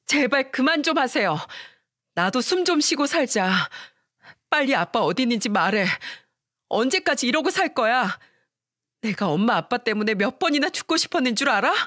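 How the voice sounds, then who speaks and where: A woman voicing a young wife, pleading and high-strung, in a storytelling radio reading. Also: animated, moderate pace, a bit bright, dry recording, clean studio sound. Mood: angry. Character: young wife, tearful and desperate.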